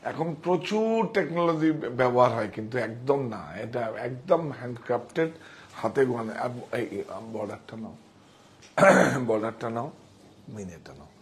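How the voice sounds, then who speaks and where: A man showing sarees in a live sales pitch, talking excitedly, repeating himself and directing helpers. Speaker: saree shop seller.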